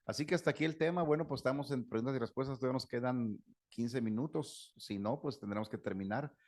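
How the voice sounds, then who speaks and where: Speaking fast at a medium pitch, with a slightly mellow sound, a middle-aged Mexican psychotherapist talks casually to a group. He's anecdotal and conversational, laughs often, and uses many fillers.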